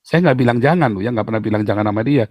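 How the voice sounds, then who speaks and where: A middle-aged man with a light lilt delivers a sermon in a lively, teasing way. He jumps into high mocking voices and sound effects to make his point. His voice sits at an ordinary pitch, recorded dry and close. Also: very fast, dry recording. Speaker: pastor.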